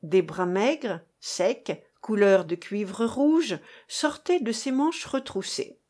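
A woman giving a theatrical, expressive reading of a literary story. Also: medium pitch, slow. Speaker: audiobook reader. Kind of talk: scripted literary narration.

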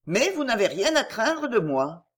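A woman's voice: a little high, sing-song, measured pace. A woman voicing a vehement, proud lady. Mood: composed. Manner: vehement, passionate, declamatory. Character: proud, volatile aristocratic lady in anguish.

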